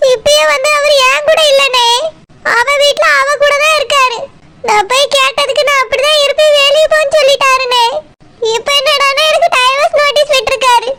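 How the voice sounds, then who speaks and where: A woman voicing a tearful middle-aged village mother in a cartoon, with a Tirunelveli Tamil accent and a sobbing, pleading way of talking. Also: very high-pitched. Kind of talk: cartoon voice acting. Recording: loud background noise.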